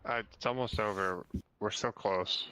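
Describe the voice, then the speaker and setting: A man's voice: on the low side, measured pace, pushed and bright, smooth, low-quality recording. A man playing a military game, switching between casual sweary chat and jargon-heavy radio calls. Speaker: player in a military game, coordinating over radio.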